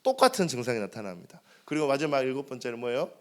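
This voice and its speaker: Male pastor, 30s, animated sermon delivery, frequent rhetorical questions to the pews. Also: medium pitch, rapid-fire. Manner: lively, asks the congregation questions and answers them. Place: church sanctuary.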